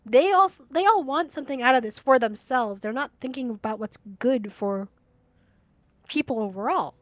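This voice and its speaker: A young woman streamer reacts to a game in a blunt, sweary and exasperated way. Her voice sits high. The sound is dry and close, from a laptop mic at home. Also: lively intonation, normal speed, no echo. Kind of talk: casual game-stream commentary.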